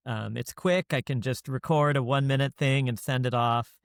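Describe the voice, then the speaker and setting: A man hosting a podcast, speaking in a measured way and laying out his ideas step by step. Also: medium pitch, steady tone, creaky, smooth, no echo, clean studio sound. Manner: measured, explains in orderly steps. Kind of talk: casual conversation.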